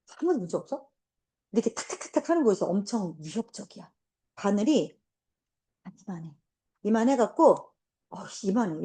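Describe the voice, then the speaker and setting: A woman teacher in her forties telling a class a blunt, animated story, swearing now and then. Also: on the high side. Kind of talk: casual classroom talk.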